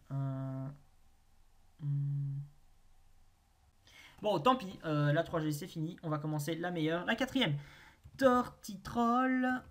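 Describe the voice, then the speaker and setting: A gaming video host thinking aloud through a naming quiz, hesitant with drawn-out pauses and wry self-mocking asides. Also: medium pitch.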